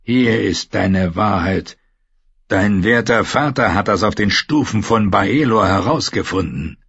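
A man playing a gruff, scornful scarred warrior. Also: fairly low pitch, expressive, a little slow, a bit bright, no room sound, muffled recording, heavily acted. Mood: menacing. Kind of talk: audiobook character voice.

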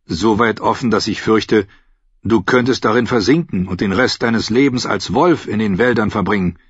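A man voicing a solemn, wise boy seer who speaks in a grave, measured way. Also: fairly low pitch, husky, no room sound. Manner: measured, grave, slow speech. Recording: slightly dull dry recording.

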